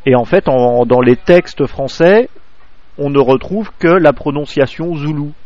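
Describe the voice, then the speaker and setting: Halting man teaching through a dull mic. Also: on the high side, a little mellow, dry recording. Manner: halting, many fillers and restarts. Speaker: amateur radio instructor. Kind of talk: hesitant spoken lesson. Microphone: desk microphone, close and clipping.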